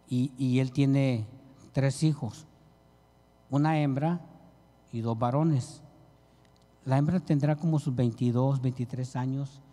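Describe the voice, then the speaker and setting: A man's voice: medium pitch, dark tone. A man preaching a sermon, pleading with his listeners and calling them brother. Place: church hall. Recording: reverberant church hall.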